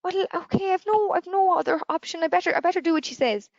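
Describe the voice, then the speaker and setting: A woman's voice: extremely high pitch, quick pace, no echo, dull audio, pitched above the performer's own voice. A woman voicing a frightened male giant from a folk tale. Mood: resigned. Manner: fretful and panicky. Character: boastful then frightened male Irish giant.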